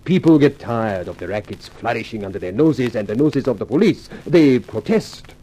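In a 1950s radio mystery, a suave continental racketeer who works as a European adagio dancer schemes while staying coolly courteous. He delivers formal, measured, urbane lines in a smooth, insinuating, animated manner, his pitch swooping over a soft, dusky, slightly rough tone. The recording is rough.

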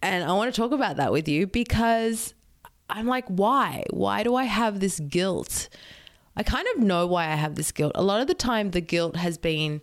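A woman's voice: mid-range voice, expressive, moderate pace. A young woman co-hosting a casual podcast, talking through a stuffy, nasal cold voice, agreeable and chatty. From Australia or Puerto Rico. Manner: agreeable, chatty, laughs often. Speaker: podcast co-host. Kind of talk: casual chat.

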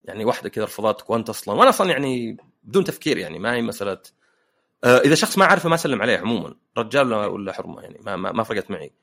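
A man's voice: fairly low pitch, very animated, racing, gravelly, fairly bright tone. A man hosting a casual podcast chat, telling jokey personal anecdotes. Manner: anecdotal, joking storyteller. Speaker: podcast host.

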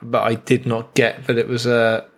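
A man chats on a podcast, cracking jokes and spinning anecdotes. His voice sits at an ordinary middle pitch, and he talks in a loose, playful way. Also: normal speed. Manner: jokey storytelling, animated impressions. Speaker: podcast co-host. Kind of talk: casual chat.

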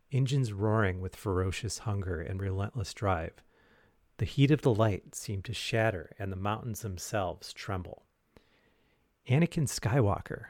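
Soothing low-voiced mock meditation narrator. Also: male voice, dry recording, clean studio sound. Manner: soft, soothing, mock-serious delivery. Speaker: podcast host and narrator. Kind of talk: parody guided-meditation ASMR narration.

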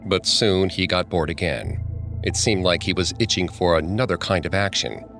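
A man with a very deep voice narrates a scripted true-crime story in a steady, grave way. Music plays clearly behind his voice. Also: moderate pace. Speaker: podcast narrator.

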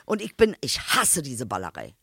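A man co-hosting a podcast in casual banter, prone to loud mock-outraged outbursts. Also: medium pitch, wildly swooping pitch, moderate pace, gravelly, slightly rough, no echo, clean studio sound. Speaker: podcast co-host.

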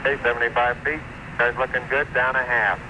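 A man's voice: medium pitch, level tone, brisk. A man calling out terse, clipped readings as an astronaut, heard over a crackly space radio transmission. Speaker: astronaut on a landing mission. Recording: very noisy archival radio transmission.

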